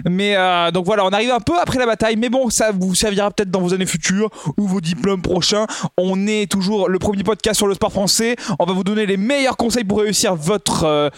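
A man's voice: high voice, fairly quick, dry recording, clean studio sound. A man hosting a casual comedic podcast, playful and jokey, rambling with fillers. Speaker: podcast host.

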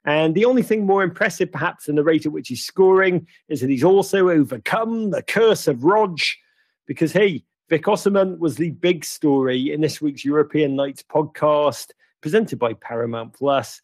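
A man's voice: fairly high pitch, moderate pace, a little mellow, husky, no room sound. A man hosting a football podcast, giving casual news commentary with wry, playful asides. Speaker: podcast host.

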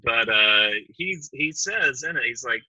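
A man co-hosting a comedy podcast, riffing in a deadpan, mock-promotional way. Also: mid-range voice, unhurried, slightly rough, no room sound, dull audio. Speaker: podcast co-host.

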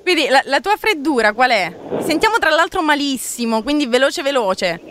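A woman co-hosting a radio show in playful banter, telling jokes haltingly and repeating her words. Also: high voice, very animated, noisy background.

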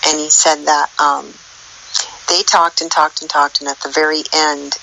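Guest woman with a deep, gravelly voice and a sharp, bright tone; earnest and rambling. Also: flat delivery, a little slow, slight background noise, low-quality recording. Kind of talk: casual spiritual chat.

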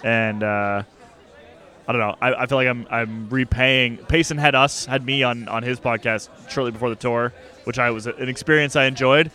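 A man hosting a casual podcast, chatting in a relaxed way with many filler words. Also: medium pitch, moderate pace. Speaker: podcast host.

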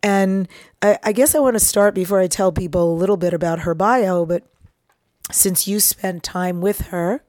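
A woman hosting a radio talk show, chatting casually with a hoarse, husky voice. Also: mid-range voice, moderate pace, a little mellow, no echo, studio quality. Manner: chatty, laughing, informal. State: hoarse, recovering voice.

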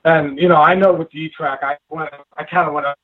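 A man calls in on a tinny phone line that keeps breaking up. His voice sits a bit high for a man. He tells his story casually, stopping and restarting his sentences as he goes. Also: fairly even intonation. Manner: halting, with repeated restarts. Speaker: caller.

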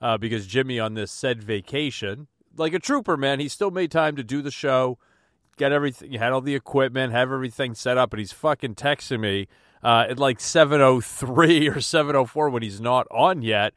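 A man's voice: mid-range voice, brisk, fairly bright tone, no echo, clean studio sound. A man in his mid-forties co-hosting a podcast, chatting casually and bluntly with constant swearing. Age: 40s. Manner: profane, blunt banter. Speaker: podcast co-host. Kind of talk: casual chat.

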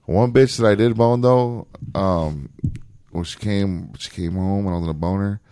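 A man's voice: fairly low pitch, moderate pace, mellow, smooth, dry recording, clean studio sound. A man in a casual group chat who laughs often and tells crude jokes.

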